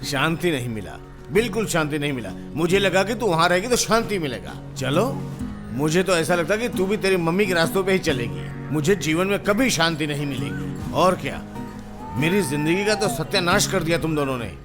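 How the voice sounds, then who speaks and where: A man's voice: a little high, animated, moderate pace, music in the background, natural voice. An actor playing a volatile, embittered middle-aged father in a dubbed film, swinging between scolding and coaxing. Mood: bitter. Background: film score.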